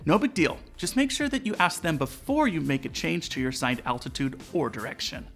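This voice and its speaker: A man presents a flight tutorial, delivering a scripted, instructive explainer from a small indoor studio set with background music. His voice is a little high, fairly bright and sing-song, and he talks a little fast.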